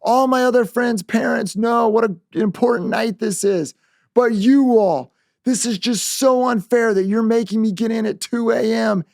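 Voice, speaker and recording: A man's voice: very high voice, normal speed, gravelly, a little mellow, no room sound, studio quality, pitched above the performer's own voice. A man voicing a scheming fifteen-year-old girl who complains melodramatically in a raised, whiny voice. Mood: whiny outrage.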